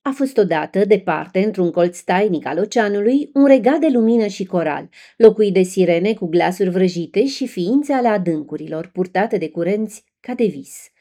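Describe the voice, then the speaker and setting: A woman narrating a fairy tale in a soft, gently expressive storytelling manner. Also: medium pitch, hardly any pauses.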